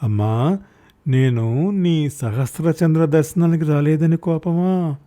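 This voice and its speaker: A man's voice: fairly high pitch, normal speed, dark tone, voice pushed up, close to an everyday voice. A man voicing a grown son who speaks to his forgetful mother in an earnest, pleading way. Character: grieving middle-aged son, pleading.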